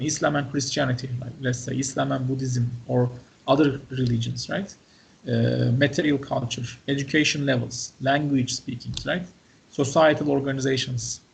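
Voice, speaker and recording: A man's voice: fairly high pitch, vocal fry. A man giving a university class lecture in short fragments, often checking in with "right?" and "okay?".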